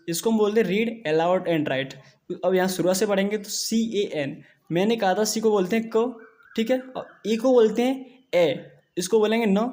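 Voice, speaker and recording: A man's voice: sits high, darkish tone. A man teaching English phonics to a class, drawing out syllables, repeating each sound and asking students to say it back. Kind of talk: slow classroom phonics lesson.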